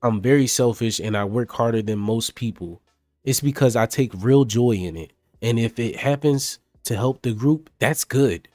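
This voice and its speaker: A man's voice: medium pitch, moderate pace, darkish tone, no room sound, faint music behind. Chatty man streaming to his chat. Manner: chatty, addresses chat viewers by name. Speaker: streamer reading documents and chatting with viewers. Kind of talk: casual live-stream reading and chat.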